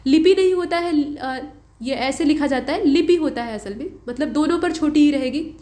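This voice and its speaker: A woman's voice: sits high, normal speed, dark tone. A young adult woman teacher walking through exam answers in a patient lesson, repeating key points. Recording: roomy echo.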